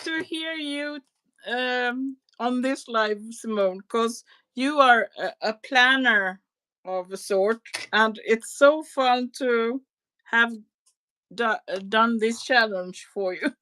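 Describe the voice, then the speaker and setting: Slow-talking, agreeable woman co-host. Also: on the high side, smooth, no room sound. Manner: warm, agreeable, laughs often. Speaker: crafting livestream co-host. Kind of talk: casual chat.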